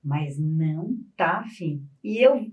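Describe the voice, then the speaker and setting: A middle-aged woman with a Brazilian Portuguese accent, a clown and actress guesting on a radio show, telling stories in a lively way and acting out the dialogue with big pitch swings. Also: slow pace. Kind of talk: lively anecdotal storytelling on a radio talk show. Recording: distant mic in a radio studio.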